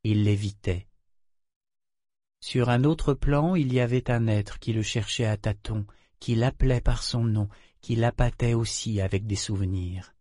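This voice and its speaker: An audiobook narrator with a lowish voice reads a novel from a script in a measured, steady storytelling style. The recording is dry and of studio quality.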